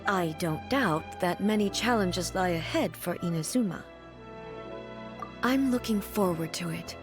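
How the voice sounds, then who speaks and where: A woman playing a solemn, dignified female ruler in a video game, speaking in a formal, measured and earnest way. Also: lowish voice, lightly acted. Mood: solemn, resolute. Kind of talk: scripted video game dialogue. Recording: music behind the voice. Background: game music.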